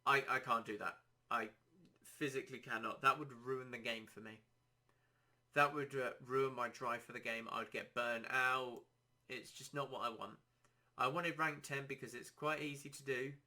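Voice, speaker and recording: A man hosting a casual solo podcast, rambling and self-deprecating, his throat a little dry and hoarse. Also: mid-range voice, fairly even intonation, moderate pace, bright, forceful tone. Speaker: podcast host.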